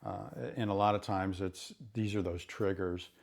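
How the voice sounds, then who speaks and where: Earnest middle-aged man, lowish voice. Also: little pitch movement, moderate pace, gravelly. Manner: earnest, repeats words when starting phrases. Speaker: therapist. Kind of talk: educational talk to camera.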